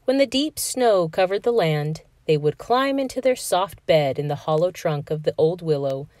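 Expressive woman reading a children's book. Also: fairly low pitch, normal speed, no echo. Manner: expressive, sing-song storytelling. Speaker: storyteller. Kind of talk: children's read-aloud.

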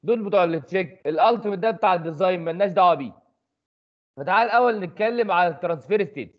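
A man with an Egyptian accent runs through a lecture at a quick clip, his voice pitched high for a man. He keeps asking rhetorical questions and answering them himself. The recording sounds dull and lo-fi. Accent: Egyptian Arabic. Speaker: engineering tutor.

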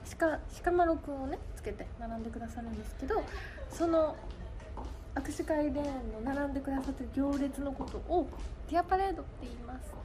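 A young woman with a Kansai accent hosting a casual idol livestream, often breaking into laughing fits. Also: high-pitched. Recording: noisy livestream audio.

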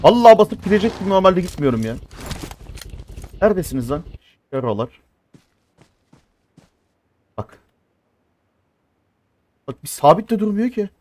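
A man in his thirties streams a mobile shooter and talks the whole way through it. His voice sits high, and he keeps grumbling at and cursing the teammates who shoot him. A faint noise runs under the recording. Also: a little slow, pauses often. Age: 30s. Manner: animated, cursing and complaining at teammates. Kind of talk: excited gameplay commentary.

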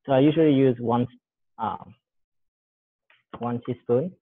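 Heard through thin, phone-like audio with background noise, a man in his thirties talks at a medium pitch and a slightly slow pace. As a guest on a casual cooking demo, he rambles easily through the recipe and corrects himself while working with his hands. He's indoors in a large, bare room that has a counter.

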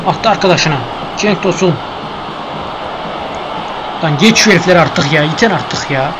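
A young man talks through a football video game live, frustrated and grumbling at every missed chance. His voice sits high, and a steady noise hums underneath the recording. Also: unhurried. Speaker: gameplay streamer. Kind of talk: live gameplay commentary.

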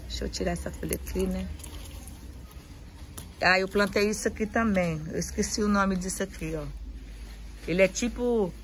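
A woman's voice: medium pitch, normal speed, pauses often, slight background noise, poor audio. Effusive woman touring her garden. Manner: effusive, admiring, repeats praise often. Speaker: vlogger giving a garden tour. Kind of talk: casual garden tour vlog. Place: outdoors in a home garden.

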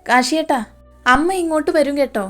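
A woman's voice: high voice, fairly quick, fairly bright tone, soft background music. A woman voicing a shy, timid young woman who asks nervous, hesitant questions.

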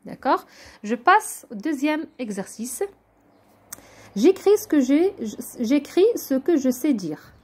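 Patient woman teacher, slightly high pitch, slow measured delivery, syllable by syllable for small children. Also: darkish tone. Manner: patient, spells out syllables one by one, often checks with "d'accord?". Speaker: primary school teacher. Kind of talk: slow, step-by-step remote lesson for young children.

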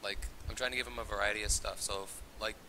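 A man's voice: lowish voice, fairly even intonation, fast, pushed and bright, a little hiss or hum, low-quality recording. A man directing a voice recording, giving direct, practical instructions in a casual way.

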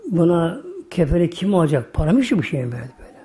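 An older man telling a sermon story, his voice pitched a bit high for a man and dark, mellow in tone. He talks in a folksy way, keeps repeating the same little filler word, and often drops into hushed asides. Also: big pitch swings, quick pace. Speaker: religious teacher.

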